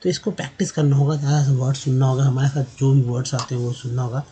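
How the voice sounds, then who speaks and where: A man's voice: mid-range voice, steady tone, quick pace, dark tone, husky. A man giving a spoken lesson on English pronunciation, spelling words out letter by letter and repeating them. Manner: addresses viewers as friends and asks questions to the class. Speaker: English teacher.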